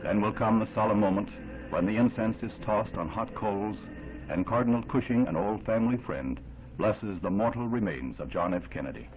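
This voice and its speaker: A man giving solemn, measured, formal narration in an old 1960s newsreel. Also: fairly low pitch, noisy background. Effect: old 1960s newsreel sound. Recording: thin narrow-band old film audio with music underneath.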